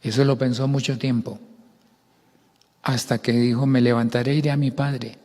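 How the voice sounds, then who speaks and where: An older man with a Bogotá accent preaching a sermon, expressive, acting out voices and shouts. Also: mid-range voice, normal speed, long reverb tail. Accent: Colombian, Bogotá.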